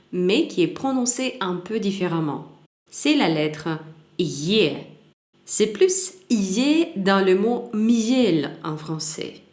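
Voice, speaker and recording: Woman, language teacher, slow deliberate delivery, repeats example words, lively intonation, roomy echo. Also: mid-range voice. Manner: repeats each example word slowly for pronunciation. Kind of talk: slow spoken language lesson. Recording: roomy echoey room.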